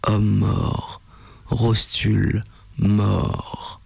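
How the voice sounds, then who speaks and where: A man voicing a hulking, sorrowful turtle-man creature who speaks in broken, halting phrases with a rocky, rumbling voice. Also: completely flat delivery, gravelly, darkish tone, slightly rough, heavily acted. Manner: halting two-word phrases.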